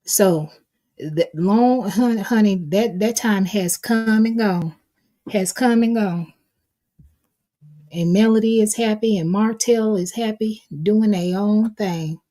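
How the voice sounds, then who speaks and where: A woman's voice: mid-range voice, slow, mellow. A middle-aged woman hosting a casual live stream, reading viewers' chat aloud and calling them baby and honey. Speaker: livestream host reading chat.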